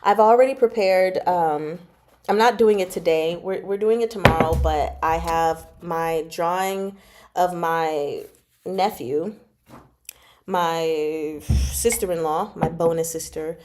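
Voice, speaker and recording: Over a little hiss or hum, a woman with a lowish, somewhat mellow voice speaks slowly on a home livestream. She reads chapters aloud and answers viewer comments, keeping things casual and giggly.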